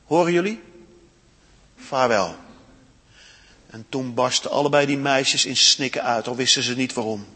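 A man reading a story aloud to children in church, expressive and slowing down for dramatic pauses. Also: mid-range voice, breathy edge, in a large hall.

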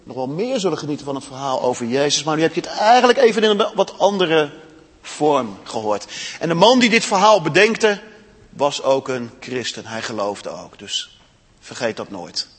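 A man reading a story aloud to children in church, expressive and slowing down for dramatic pauses. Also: a little high, slightly rough, in a large hall.

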